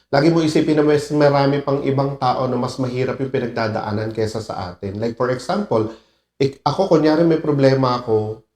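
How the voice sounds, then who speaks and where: A man offers casual reaction-video commentary, emotional and full of laughter, mixing in English phrases as he goes. The mid-range voice is a little fast and slightly mellow, with reverberation in the recording.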